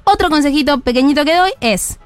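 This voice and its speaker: A woman with an Argentine accent talks through parenting advice on a studio radio show. Her voice sits a touch high. She explains with energy and slips into quick acted phrases a parent might say. Faint music plays behind her. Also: animated. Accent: Argentine Spanish. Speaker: parenting columnist.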